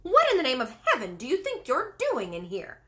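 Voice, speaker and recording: A flustered middle-aged maid with a high, breathless voice that stammers and leaps up and down in pitch, as a woman reading aloud puts her on. She is anxious and deferential, a servant in a spoken storybook. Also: very animated, normal speed. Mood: indignant.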